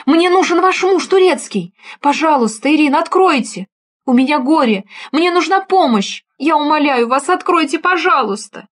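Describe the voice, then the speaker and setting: A woman's voice: sits high, lively intonation, normal speed, voice pushed up. A woman voicing a panicked, tearful young woman in an audiobook, pleading in desperation.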